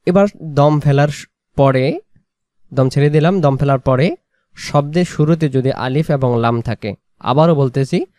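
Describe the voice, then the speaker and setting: A man teaching tajweed, slowly repeating each word and then explaining the rules in quick, patient asides. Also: medium pitch, darkish tone, no room sound. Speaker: Quran recitation teacher. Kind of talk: tajweed lesson, word-by-word drilling.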